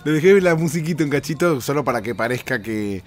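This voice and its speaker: A man with an Argentine accent hosting a podcast from a hotel room, hoarse and rambling playfully as he talks straight to his listeners. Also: mid-range voice, animated, fast talker. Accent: Argentine Spanish. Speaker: podcast host. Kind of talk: casual comedic monologue.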